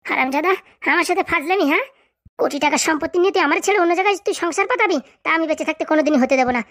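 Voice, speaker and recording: A woman's voice: very high voice, racing, fairly bright tone, no room sound, clean studio sound, voice pushed up. A woman voicing a greedy, scheming cartoon villainess who sneers, curses and gives orders. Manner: sneering, bossy, cursing. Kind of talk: cartoon voice acting.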